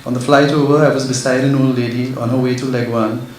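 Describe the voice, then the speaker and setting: A man's voice: mid-range voice, flat delivery, fast. A man reads a prepared literary talk as an author, sounding nervous and earnest. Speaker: author giving a speech. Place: echoey indoor event venue. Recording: very echoey hall, faint background noise.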